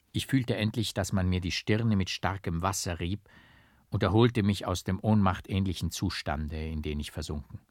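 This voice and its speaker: A male audiobook reader narrating with careful emphasis and rhythm. His voice is low-pitched and the delivery very unhurried. The recording is close and dry, with no room sound. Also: no room sound. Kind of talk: scripted literary narration.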